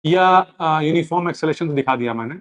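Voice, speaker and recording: A man's voice: fairly high pitch, brisk, a bit bright. A man teaching a physics lesson, asking questions aloud and answering them himself, slipping English phrases into his explanation. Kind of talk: classroom lecture.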